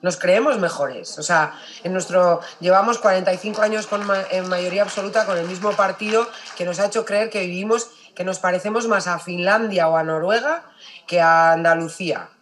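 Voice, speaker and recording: A woman's voice: fairly low pitch, brisk. A woman with a Basque Spanish accent, speaking emphatically and bluntly as a panelist in a discussion. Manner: emphatic, blunt, casually profane.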